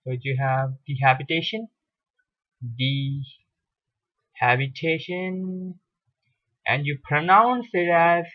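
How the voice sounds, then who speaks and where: A man with a slightly high voice gives a recorded lesson on French grammar. He talks slowly and patiently and goes over each example more than once. The recording is dull and lo-fi, with a dry sound. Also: dry recording. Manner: slow, patient explanation with repeated examples. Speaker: French teacher. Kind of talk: recorded video lecture.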